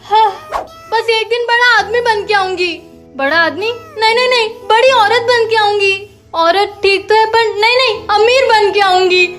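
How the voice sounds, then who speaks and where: High-pitched young woman in comedy skits. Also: normal speed, fairly bright tone. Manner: playful, switches between characters. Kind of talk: comedy skit role-play. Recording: background music.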